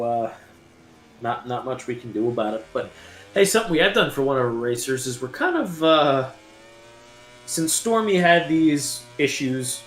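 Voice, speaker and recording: A man working as color commentator on a sim racing stream, laid-back and joking, often halting and repeating his words. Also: mid-range voice, roomy sound, a little hiss or hum, low-quality recording.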